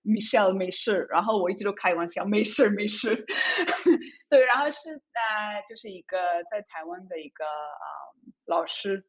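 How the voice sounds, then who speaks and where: A woman's voice: mid-range voice, expressive, measured pace, a bit bright. A woman in her thirties from Zurich, a German speaker, chats casually as a foreign Mandarin speaker, hesitant and giggly, often repeating words. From Zurich, Switzerland. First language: Swiss German. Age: 30s. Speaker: podcast guest. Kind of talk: casual interview chat in Mandarin as a foreign learner.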